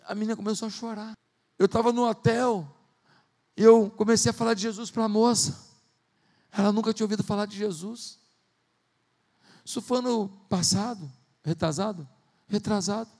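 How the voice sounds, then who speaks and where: A high-voiced man preaching a sermon in a church hall, with the long reverb of the room trailing after each phrase. He shifts between hushed, quick storytelling and loud, pressing emphasis. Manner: swings from quiet storytelling to shouted emphasis. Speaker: pastor.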